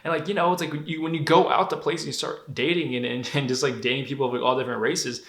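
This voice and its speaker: A fast-talking young vlogger with a mid-range voice recounts stories candidly and energetically, cursing freely. He grew up in Denver, Colorado, and his monologue is recorded in an echoey room.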